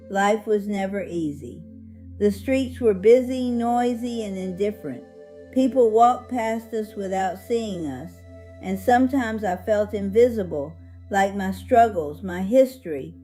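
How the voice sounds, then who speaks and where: A woman voicing a dignified, hopeful 101-year-old survivor, narrating her life story in a solemn, earnest, measured way over music. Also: medium pitch, expressive, warm tone, close to an everyday voice. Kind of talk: scripted first-person life-story narration.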